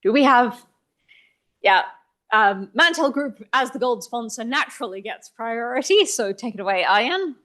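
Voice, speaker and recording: A woman's voice: fairly high pitch, animated, moderate pace, a bit bright. A woman hosting a tech meetup, making chatty, lightly joking announcements to a live room. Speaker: meetup host. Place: meetup venue, live audience.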